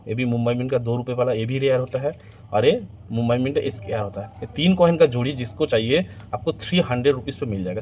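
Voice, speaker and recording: A man's voice: medium pitch, darkish tone. A man presenting items for sale in an eager, repetitive teleshopping-style hard sell. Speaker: online coin seller presenting stock. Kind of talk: sales pitch to camera for video viewers. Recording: clearly noisy amateur recording with ambient sound.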